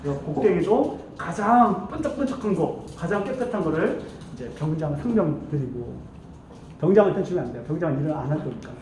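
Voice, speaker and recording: High-voiced male teacher in echoey classroom. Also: lively intonation, a little fast, darkish tone. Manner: playful, acts out quoted voices, laughs often. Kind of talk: classroom storytelling. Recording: echoey classroom from far off, faint noise.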